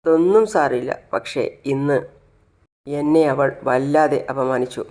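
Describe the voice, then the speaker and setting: A man's voice: medium pitch, measured pace, a little mellow, close to an everyday voice. A man voicing a humiliated, tearful aging father in a recapped serial, speaking mournfully. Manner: mournful, self-pitying.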